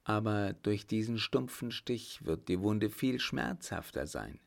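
Guy reading a tender worried young lady, breathy and hushed, slow. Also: lowish voice, animated. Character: anxious tender young woman, lover.

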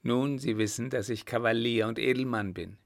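A man's voice: medium pitch, fairly even intonation, moderate pace, creaky, close to an everyday voice. A man reading aloud, voicing a proud, hot-tempered young nobleman who talks indignantly and demands satisfaction.

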